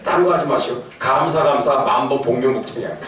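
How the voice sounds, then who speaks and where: A middle-aged man giving a lively lecture to an audience, with laughing asides and questions to his listeners. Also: mid-range voice, fairly quick. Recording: echoey hall, from far off, faint noise.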